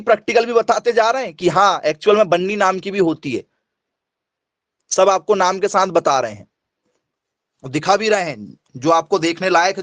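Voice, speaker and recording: A man's voice: sits high, a bit bright, no echo. A middle-aged man from northern India teaching an exam coaching lesson, who asks the students questions, answers them himself and keeps repeating the key points.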